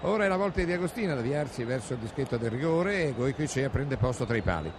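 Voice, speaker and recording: A man with an Italian accent giving live football play-by-play, with excited goal commentary that surges at shots. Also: mid-range voice, quick pace. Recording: noisy outdoor stadium recording.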